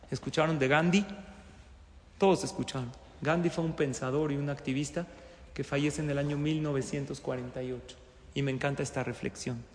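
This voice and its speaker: A man's voice: fairly high pitch, slight background noise. A man teaching a Torah class to live listeners in a hall, often asking them rhetorical questions. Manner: asks the audience rhetorical questions. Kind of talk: religious class lecture. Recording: roomy hall with long reverb.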